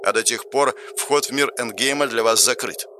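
A man voicing an impersonal game system announcement in a flat announcing manner. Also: medium pitch, normal speed, heavy background noise, close to an everyday voice.

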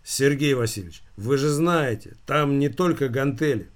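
A man's voice: mid-range voice, normal speed, natural voice. A man voicing a crude male colleague who cracks coarse, mocking jokes.

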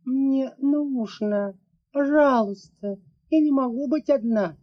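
A woman voicing a stubborn little dragon girl who pleads insistently in a high, childlike voice. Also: slow. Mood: pleading. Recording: dull lo-fi audiobook recording.

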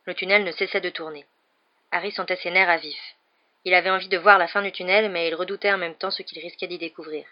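An audiobook reader narrating a French novel in a steady, measured way. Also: mid-range voice. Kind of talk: scripted narration. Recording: dull lo-fi audio.

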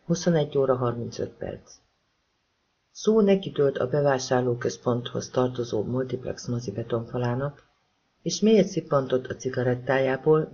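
A man narrating a novel audiobook in a steady, measured reading voice. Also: medium pitch, husky. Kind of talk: scripted narration. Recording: slightly dull lo-fi audiobook.

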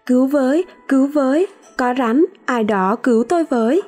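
A woman's voice: a little high, lively intonation, moderate pace, warm tone, breathy edge, faint music behind. A woman voicing a frightened young pregnant woman who cries out in panicked, wailing pleas.

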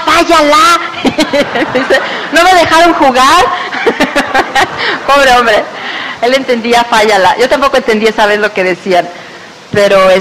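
A woman with a Mexican Spanish accent telling a personal business testimony, acting out the voices of the people in her story. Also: mid-range voice. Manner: lively storyteller who acts out quoted voices. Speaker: speaker sharing a business testimony. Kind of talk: personal testimony told to an audience. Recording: reverberant hall with faint hiss.

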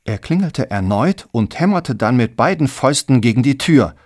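A man giving measured, scripted audiobook narration. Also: medium pitch, expressive, a little mellow, no room sound, studio quality.

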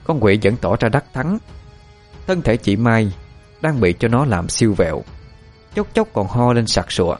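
A man's voice: medium pitch, big pitch swings, normal speed, long pauses, darkish tone. A man with a southern Vietnamese accent reading a scripted horror story as a dramatic narrator. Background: faint music.

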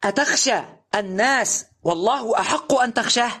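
Male preacher, very high bright voice, insistent and rhetorical. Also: animated, a little fast, husky. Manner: insistent, rhetorical questioning, emphatic recitation. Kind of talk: recorded religious lesson.

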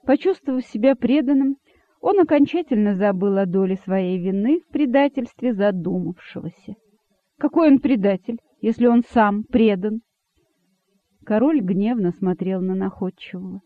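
A man's voice: high-pitched, expressive, moderate pace, no room sound. A man narrating a storybook expressively, on a dry, phone-like recording. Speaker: audiobook narrator. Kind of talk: scripted narration. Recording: dry, phone-like narrow sound.

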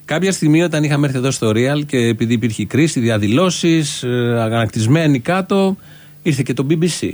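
Radio host, joking, mid-range voice. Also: male voice, mid-range voice. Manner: joking, lively. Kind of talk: studio chat.

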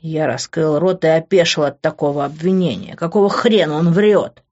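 A woman reading a first-person audiobook in a steady, expressive way. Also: deep voice, normal speed, lo-fi sound. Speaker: audiobook reader.

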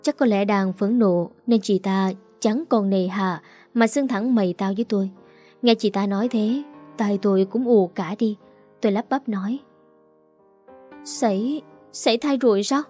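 A woman's voice: mid-range voice, moderate pace, warm tone, faint music behind. A woman narrating a dramatic first-person story.

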